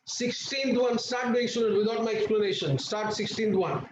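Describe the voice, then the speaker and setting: A man's voice: high-pitched, moderate pace, dull audio. Indian-accented man as an online class teacher, repetitive and coaxing, in a roomy, noisy recording. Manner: insistent, repetitive, prompting students with questions and endearments. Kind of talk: live online class lesson.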